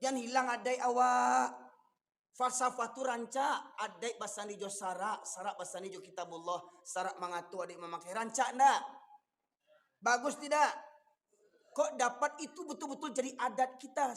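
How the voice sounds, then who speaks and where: A man with a Minangkabau accent preaching a sermon, fiery and emphatic, often surging to loud peaks. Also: very high-pitched, moderate pace. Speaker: Islamic preacher. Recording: long echoey hall reverb.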